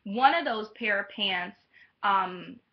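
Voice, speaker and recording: A woman in her thirties talking candidly to camera on her vlog, wandering off on tangents and pausing with soft ums. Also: mid-range voice, lively intonation, highs cut off. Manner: candid, rambling, drifts into tangents; soft-spoken and hesitant with frequent ums. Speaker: vlogger. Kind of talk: personal vlog talk to camera.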